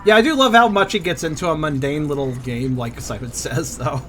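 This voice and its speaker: A man's voice: a little high, a little fast, a bit bright, a little hiss or hum. A man chatting casually and informally, with some swearing, while playing an online game with friends. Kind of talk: casual chat while gaming.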